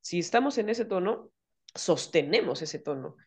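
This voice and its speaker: A slightly rough, low-leaning female voice speaks at a normal speed. She's a therapist chatting casually on a podcast, explaining ideas and regularly acting out quoted dialogue in lively voices.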